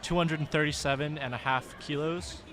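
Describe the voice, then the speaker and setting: A man giving live commentary at a powerlifting meet, shouting encouragement during the lifts. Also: a little high, fairly even intonation, normal speed. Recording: loud crowd and noise in venue.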